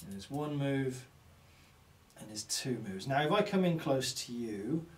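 A man's voice: mid-range voice, lively intonation, measured pace. Bloke talking through his turn in a wargame, easygoing, kinda far off mic. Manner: chatty, narrates his moves. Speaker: tabletop wargame player. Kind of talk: casual game chat.

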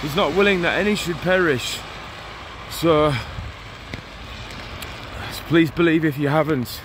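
Holding his phone out at arm's length, a man in his forties preaches while walking through a rainy town for his evangelism vlog. He takes it slowly, his voice a touch high for a man with a fairly bright tone, and his earnest, urgent message circles back over the same points. Passing traffic is clearly heard.

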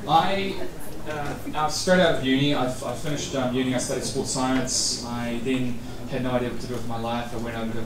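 A New Zealand man in his thirties, a guest speaker at a meetup, answers interview questions casually and rambles with many fillers and restarts. His mid-range voice is steady in tone and brisk, with few pauses. The mic is far off in an echoey event venue with background noise.

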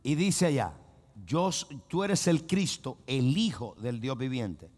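A man's voice: mid-range voice, sing-song, unhurried, darkish tone, faint music behind. A man preaching a sermon as pastor, emphatic and repetitive, often calling on the congregation to repeat phrases and say amen. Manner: emphatic, with frequent restarts and repetition.

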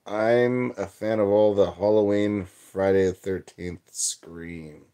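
A man's voice: on the low side, steady tone, slow pace, mellow, clear, resonant tone. A young man hosting a livestream, chatting casually and reading out viewer comments in a loose, rambling way. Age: young adult. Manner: rambling, loose, filler-heavy chat. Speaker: livestream host.

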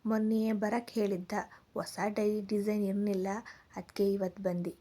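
A woman's voice: medium pitch, level tone, moderate pace, warm tone, lightly acted. Woman doing a polite goldsmith man. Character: middle-aged male goldsmith, polite and eager.

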